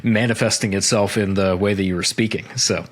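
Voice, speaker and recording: Low-voiced rambling podcast co-host. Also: male voice, fairly even intonation, brisk. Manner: rambling, many filler words. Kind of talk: casual podcast chat.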